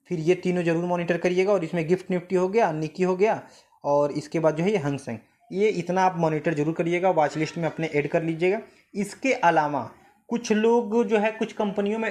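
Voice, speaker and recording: A man teaching a screen-share tutorial, explaining step by step with frequent fillers, self-corrections and repeated reminders. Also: sits high. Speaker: stock market educator.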